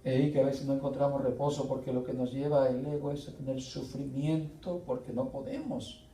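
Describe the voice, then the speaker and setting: A middle-aged man preaching a slow, earnest sermon, often pausing and restarting. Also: medium pitch, fairly even intonation, dark tone, slight background noise. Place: church hall. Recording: echoey church room, voice from far off, faint music.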